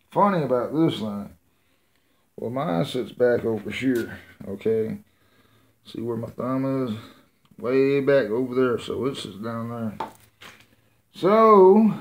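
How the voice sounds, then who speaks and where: A folksy middle-aged man with a drawl talks through his work in a home garage. He rambles, pauses on lots of uhs and thinks out loud. His voice sits at an ordinary pitch, picked up by a handheld phone. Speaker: home mechanic vlogger. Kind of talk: casual workshop vlog. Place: home garage with engine on a stand. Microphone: handheld phone camera.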